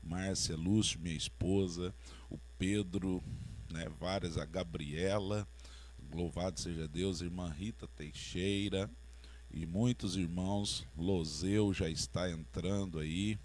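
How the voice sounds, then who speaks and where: A man's voice: low voice, fairly even intonation, slow, a little mellow, slight background noise. A male pastor, opening an online Bible study, speaking directly to viewers and leading an earnest prayer.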